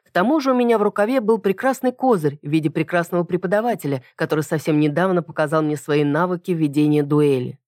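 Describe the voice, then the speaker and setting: A woman narrating a first-person fantasy audiobook with expressive delivery. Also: low-pitched, quick pace, few pauses, dry recording, studio quality. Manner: expressive, lively dialogue delivery.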